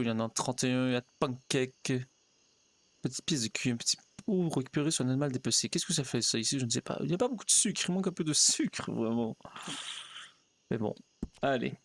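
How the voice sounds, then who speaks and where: Chatty man voicing a pastor in role-play. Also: medium pitch. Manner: chatty, mutters to himself, jokes, coaxes his horse. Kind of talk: in-character role-play narration.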